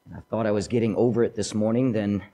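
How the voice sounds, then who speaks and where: A man preaching a sermon as pastor, his voice going from the flu, unhurried with pauses. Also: fairly low pitch, fairly even intonation, dark tone. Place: church.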